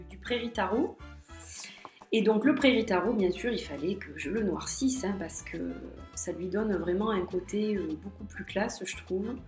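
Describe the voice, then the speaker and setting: A woman with a slight head cold chats hesitantly in a casual show-and-tell vlog, showing off her tarot and oracle cards with lots of fillers. Her voice is mid-range and darkish, and the room is echoey with faint music playing.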